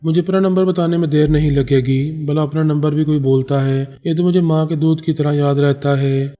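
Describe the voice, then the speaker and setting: A man's voice: on the high side, fairly even intonation, mellow, soft background music, natural voice. A man voicing a fierce, scheming priestess who speaks in a harsh, commanding way, as in an audiobook.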